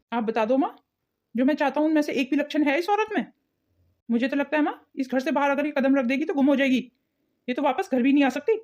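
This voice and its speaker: A woman's voice: high voice, lightly acted. A woman voicing an arrogant married man in a cartoon family drama, who speaks defiantly and with contempt. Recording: dull lo-fi audio.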